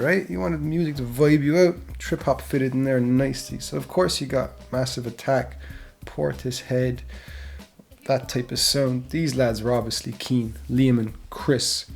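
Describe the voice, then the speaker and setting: A man's voice: mid-range voice, vocal fry. A man narrating music history in a casual, chatty way, acting out quotes. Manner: chatty, acts out quotes in mock voices.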